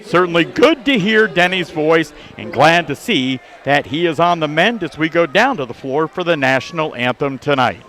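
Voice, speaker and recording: A man on the high side, animated and a bit bright, announces a live local sports radio pregame broadcast with sponsor reads at a moderate pace and with hardly any pauses. He's in an indoor high school basketball gym, where a busy crowd and bouncing basketballs are audible.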